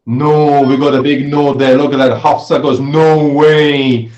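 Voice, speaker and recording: A man's voice: medium pitch, little pitch movement, moderate pace, a little mellow, highs cut off, a little hiss or hum. A man teaching an interactive religious lesson, posing questions, repeating his phrases and often checking with "right?". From Switzerland. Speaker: Islamic studies teacher. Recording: roomy, echoey sound.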